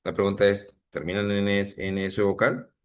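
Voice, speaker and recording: Brief: Mexican man, teacher, lowish voice, patient, keeps checking the class follows, video call. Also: little pitch movement, a little fast. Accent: Mexican Spanish. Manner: patient, checks in often with students. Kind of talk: online class lesson.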